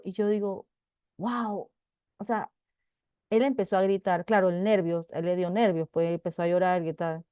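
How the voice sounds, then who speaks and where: A middle-aged woman teaching a Bible class, talking in an animated, chatty way with many asides and restarts. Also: medium pitch, smooth, no room sound. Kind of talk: casual testimony in a Bible class.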